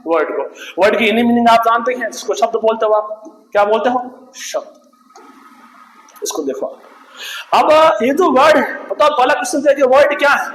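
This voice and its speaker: A man's voice: very high voice, a bit bright. A man teaching English grammar in Hindi, asking his class questions and answering them himself, repeating the key terms. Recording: echoey room.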